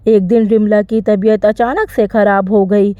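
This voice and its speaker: A woman narrating an emotional first-person story in an expressive storytelling manner. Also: medium pitch, a little slow, no room sound. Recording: slightly dull, dry recording.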